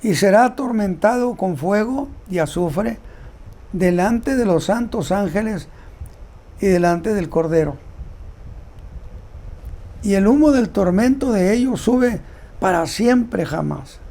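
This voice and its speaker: Guy preaching from the bible, slow careful reading, mellow dark tone. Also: high voice, lively intonation. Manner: reads scripture aloud and comments on it; slow, deliberate delivery with repeated words. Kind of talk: Bible teaching sermon.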